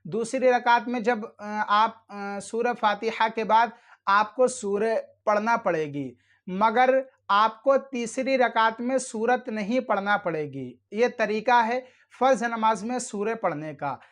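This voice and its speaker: Man, high-pitched, channel host giving religious how-to instruction; earnest, admonishing, addresses viewers formally. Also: slow, fairly bright tone. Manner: earnest, admonishing, repeats warnings. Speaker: channel host teaching prayer rules.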